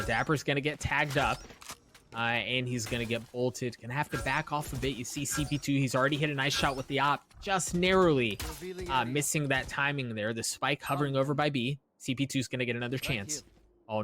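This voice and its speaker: A man's voice: mid-range voice, background noise. A man working as an esports caster, giving live play-by-play commentary on a game as it unfolds. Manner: esports caster delivery, calling plays as they unfold.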